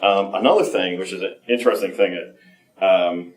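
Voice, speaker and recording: A man giving a candid personal talk at a conference, halting and full of fillers and restarts. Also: sits low. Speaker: conference speaker. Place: conference room. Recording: echoey room, mic from a distance.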